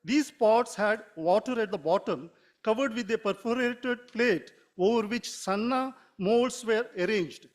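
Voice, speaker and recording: A writer from Mangalore, a native Konkani speaker with an Indian English accent, reads a formal prepared talk in a measured manner. He has a high voice and occasionally corrects himself.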